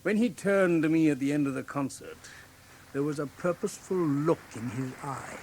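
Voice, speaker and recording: Actor as Doctor Watson, higher-voiced British gentleman doctor. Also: normal speed, background noise, lightly acted. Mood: reflective. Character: loyal, earnest gentleman doctor, the detective's companion and narrator. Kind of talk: classic radio drama acting and narration.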